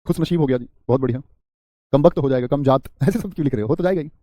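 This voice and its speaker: Man teaching an online grammar class, drills word lists, mellow and dark voice, dry close sound. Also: medium pitch, very fast, no room sound. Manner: drills word lists, quizzes students, reads chat comments, jokes. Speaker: exam prep teacher.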